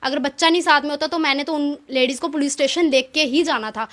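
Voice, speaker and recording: A woman recounts events in a casual interview, acting out what each person said. Her voice sits high. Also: fast. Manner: animated retelling, acts out quoted exchanges. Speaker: interviewee, theft eyewitness. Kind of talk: casual spoken account.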